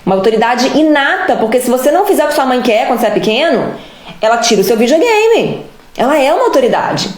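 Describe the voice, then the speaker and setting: A woman's voice: sits high, very animated, fast talker, reverberant. A woman hosting a live stream, giving blunt relationship advice and scolding her listeners directly. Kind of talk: casual live advice monologue.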